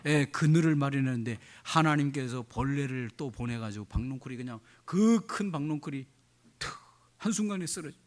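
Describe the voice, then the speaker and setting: A man preaching a sermon as a pastor. He acts out quoted prayers and keeps asking the congregation questions. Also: a little high.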